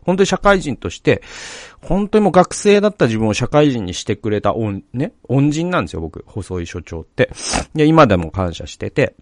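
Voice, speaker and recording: This podcast host speaks in a mid-range, slightly mellow voice, captured cleanly in a dry studio. His casual monologue wanders through a personal story full of filler words, then moves into reflection on the Bible.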